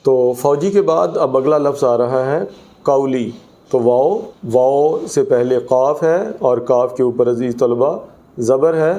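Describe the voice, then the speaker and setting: Man teaching grammar, mellow dark voice, deliberate pace, repeats each example word. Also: mid-range voice. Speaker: Urdu teacher. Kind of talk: grammar lesson for students.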